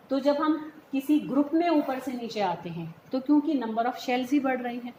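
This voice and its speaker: Woman teacher, fairly high voice, patient explainer, echoey room with faint hum. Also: darkish tone. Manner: patient, explains step by step, checks understanding by calling students "beta". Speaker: chemistry teacher. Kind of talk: classroom lecture mixing Hindi and English terms.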